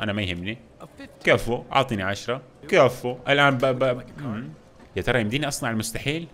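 A young man giving excitable gameplay commentary, talking straight to his viewers. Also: medium pitch. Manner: fast, excitable, talks to viewers as "guys". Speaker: gaming YouTuber.

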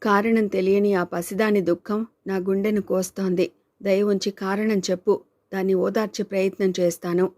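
A woman's voice: medium pitch, little pitch movement, normal speed, a little mellow, no room sound, clean studio sound, lightly acted. A woman reading a reproachful young woman. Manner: pleading, reproachful. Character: caring, outspoken young woman of the household.

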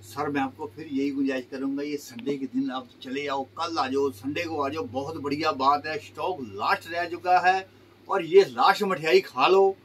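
A man's voice: fairly high pitch, steady tone, moderate pace, a bit bright, distant mic, slight background noise. A middle-aged man in a small clothing shop, urging buyers to come with jokey food sayings. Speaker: shop seller. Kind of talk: sales pitch.

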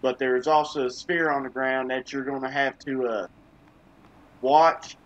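A man hosts a gaming video, giving laid-back, casual gameplay commentary in informal, slangy language. His medium-pitched voice is flat and moderately paced, the highs are cut off, and video game music plays behind him.

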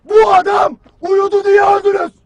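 A barking stern army commander. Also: male voice, extremely high pitch, little pitch movement, moderate pace, raised voice, highs cut off, a loud crowd, heavy background noise. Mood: grim lecture. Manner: barking, harsh, taunting. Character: stern hard-bitten army commander drilling his soldiers. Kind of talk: film trailer drama.

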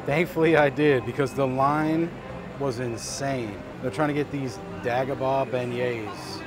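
A man giving a casual vlog food review, savoring each item with enthusiasm as he rates it. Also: a little high. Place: outdoors at a busy theme park. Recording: music and park noise behind. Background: music, outdoor park and vehicle sounds.

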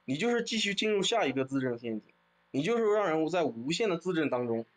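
A man's voice: a little high, very animated, quick pace. A man calling into a livestream who argues in a combative, provocative way. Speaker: caller on a livestream. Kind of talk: heated argument over a voice link.

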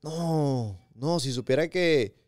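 A man's voice: fairly high pitch, slow, a little mellow, no room sound, clean studio sound. A man, a podcast guest chatting casually and jokingly, often slipping into imitations of street slang. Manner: playful, jokey, slips into imitations of street slang. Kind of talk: casual chat.

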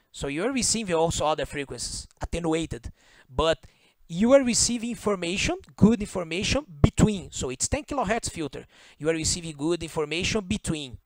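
Walking through a circuit diagram over screen share, this man speaks English with a Brazilian Portuguese accent, Portuguese being his native language. His voice is on the high side and the voice-over on the screen recording has no echo, while he teaches electronics haltingly, pausing often, correcting himself and frequently asking "okay?".

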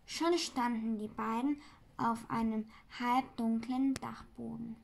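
Very slow woman reading aloud. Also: fairly high pitch, steady tone, creaky. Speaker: reader of a children's book. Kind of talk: reading a children's book aloud.

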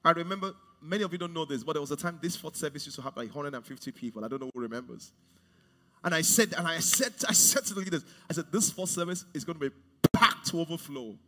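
A man in his forties preaching a sermon on a large church stage, swinging from hushed to loud. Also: on the high side, fast talker, big-room sound. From Nigeria. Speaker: pastor.

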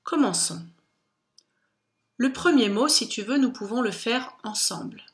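A woman teacher giving a phonics lesson to young children, speaking slowly and patiently with careful articulation. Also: fairly high pitch, expressive.

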